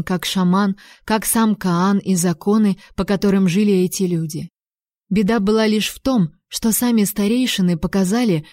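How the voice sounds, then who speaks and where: A woman narrating a fantasy novel aloud in a measured, even storytelling voice. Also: medium pitch, no echo, studio quality. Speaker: audiobook narrator.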